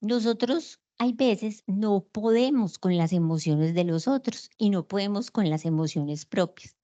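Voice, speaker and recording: A woman's voice: medium pitch, unhurried, mellow, muffled recording. A woman giving an online lecture, explaining patiently and asking rhetorical questions.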